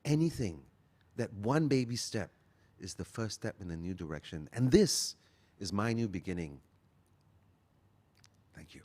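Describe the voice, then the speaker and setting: A man, talking earnestly as a guest and slowing down to stress his key phrases. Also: on the low side, lively intonation, a little mellow. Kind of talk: motivational interview talk.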